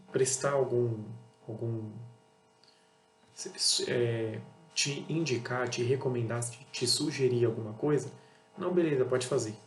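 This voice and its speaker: Blunt Brazilian man in an echoey room. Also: mid-range voice. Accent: Brazilian Portuguese. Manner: blunt, repetitive, acts out dialogues with customers. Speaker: auto parts seller and channel host. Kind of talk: casual monologue to camera. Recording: echoey room with faint hum.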